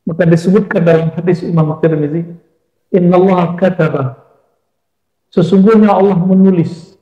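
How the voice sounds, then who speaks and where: Guy preaching a sermon, kinda high voice, quizzes the crowd then answers, dull echoey recording. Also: a little fast. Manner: asks the audience questions and answers them; chants Arabic verses. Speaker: Islamic preacher. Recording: echoey dull-sounding hall.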